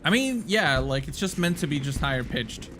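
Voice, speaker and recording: A man's voice: on the high side, very animated, moderate pace, background noise. A man live-streaming a game, chatting casually with viewers in a rambling way, swearing and laughing offhand. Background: game music.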